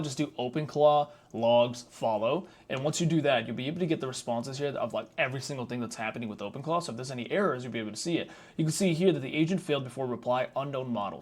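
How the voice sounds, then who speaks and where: A young man hosting a casual screen-recorded tutorial, talking through each step in a chatty, slangy way with self-mocking asides. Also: mid-range voice. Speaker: tech tutorial host.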